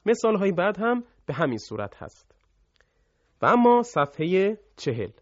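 A man with a slightly high voice gives a recorded recitation lesson. He rattles through his explanations, then slows into drawn-out chanted examples for students to repeat. The sound is dull and lo-fi. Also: very animated, dry recording. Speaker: Quran recitation teacher.

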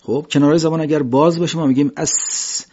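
A man teaching a lesson on Quran recitation, patiently explaining and slowly demonstrating letter sounds. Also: a little high, steady tone, mellow. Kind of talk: religious lesson on pronunciation. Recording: dull lo-fi recording.

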